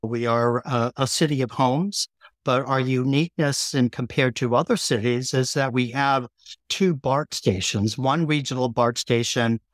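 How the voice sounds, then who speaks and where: Middle-aged man, steady and explanatory. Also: medium pitch, measured pace, no echo, clean studio sound. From San Francisco Bay Area, California. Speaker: city councilmember, guest. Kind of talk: interview conversation.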